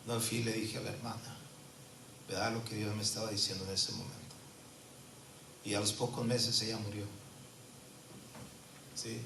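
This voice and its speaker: A man's voice: on the low side, level tone, moderate pace, gravelly, long pauses, far from the mic. A man in his fifties, a pastor, preaching a sermon with a personal testimony in an earnest way, often adding tag questions. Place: church. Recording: echoey church from afar, faint noise.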